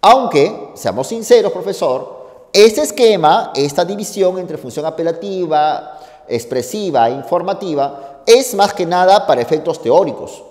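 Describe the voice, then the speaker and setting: A man's voice: high-pitched, measured pace. A male teacher giving a lesson, asking questions and answering them himself. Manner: lively, asks and answers his own questions. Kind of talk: lecture. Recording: echoey room with long reverb.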